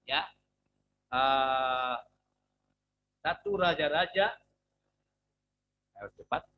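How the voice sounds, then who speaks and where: A man's voice: medium pitch, sharp tone, low-quality recording. A male pastor preaching a sermon in a church in a casual, joking way, and asking the congregation to read along.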